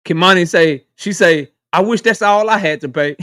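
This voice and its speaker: A man in his thirties chats casually with his live stream viewers, ribbing them and breaking into laughs. His voice sits high and comes through smooth. The recording is close and dry. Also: moderate pace, fairly bright tone, dry recording. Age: 30s. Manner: joking, roasting chat members, laughs often.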